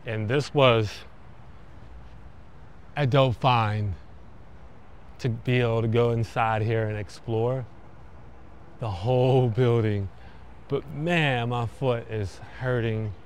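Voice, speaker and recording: A young man vlogging as he explores a dark abandoned building, making slow, awed remarks into a handheld camera. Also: medium pitch, steady tone, a little hiss or hum. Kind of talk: casual exploring vlog. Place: dark abandoned hotel indoors, then street at night.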